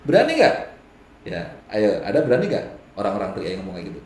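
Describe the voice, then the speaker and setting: Male business coach for a live stream. Lively, swooping delivery that keeps jumping up to mimic other people, with frequent laughs. Recorded with a roomy echo. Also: brisk, slight background noise. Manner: animated, laughs often, mimics people in a higher voice. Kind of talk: live-stream talk answering viewer comments.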